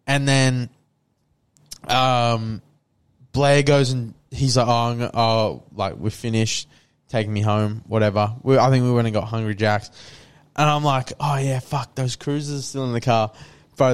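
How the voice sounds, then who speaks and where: A man's voice: medium pitch, normal speed, smooth. A young man telling stories in casual, slangy, sweary, laddish chat. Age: young adult.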